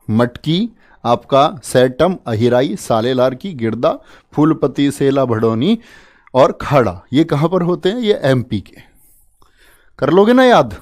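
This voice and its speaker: A man's voice: high voice, darkish tone. A man teaching an exam-prep lesson in a casual, playful way, coaxing students along with jokey memory tricks. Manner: chatty, addresses listeners as "bhai".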